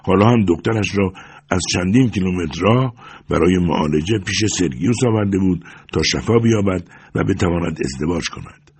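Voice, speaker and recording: A man reading a novel aloud as an audiobook narrator, in steady, measured scripted narration. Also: low-pitched, slight background noise.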